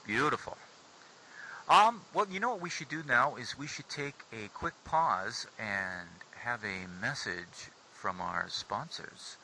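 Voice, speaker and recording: A man's voice: mid-range voice, expressive, takes it slowly, pushed and bright, a little hiss or hum, rough recording. A man hosting a casual interview, laid-back and joking with playful asides. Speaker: host.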